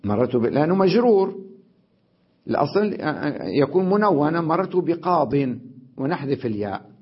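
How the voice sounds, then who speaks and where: A man teaching an Arabic grammar lesson on Quranic recitation, explaining patiently, often checking understanding and slowing down to demonstrate how words are recited. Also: a little high, big pitch swings, slightly rough. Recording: dull lo-fi lesson recording.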